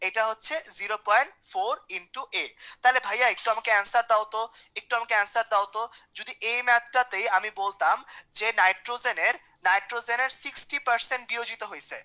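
Woman teacher, quick and high-pitched, coaxing and repetitive. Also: pushed and bright, low-quality recording. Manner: repeats questions, coaxes students by name. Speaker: chemistry teacher. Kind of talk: online class lecture.

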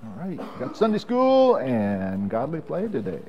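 A male pastor giving a children's message in a church sanctuary, talking gently and haltingly with many fillers, then leading a prayer. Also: medium pitch, wildly swooping pitch, lo-fi sound, a little hiss or hum.

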